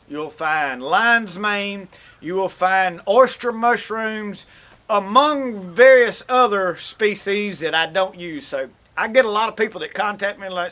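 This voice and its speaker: A man's voice: high voice, sharp tone. A man from Mississippi with a Southern accent, giving a folksy, rambling how-to talk as host of an outdoors channel. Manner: folksy and rambling, with self-corrections. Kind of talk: casual how-to explanation.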